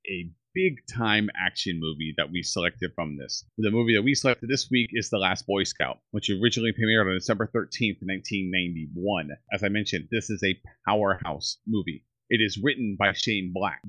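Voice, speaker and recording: A man hosting a casual movie podcast, talking with enthusiasm and speeding up when excited. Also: low-pitched, normal speed, few pauses, no echo. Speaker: podcast host.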